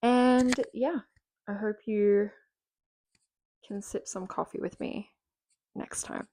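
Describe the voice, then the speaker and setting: A woman in her twenties hosts a casual solo podcast recorded at home, chatting and rambling with lots of fillers and sounding a bit nasal from being sick. Her mid-range voice is steady in tone and slow, with background noise audible.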